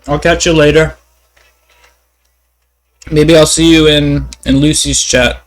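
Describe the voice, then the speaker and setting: A man's voice: a little high, little pitch movement. A man, a native English speaker, chatting casually as a live streamer with his viewers. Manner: halting, beginner French with searching pauses when speaking French. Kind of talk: casual chat.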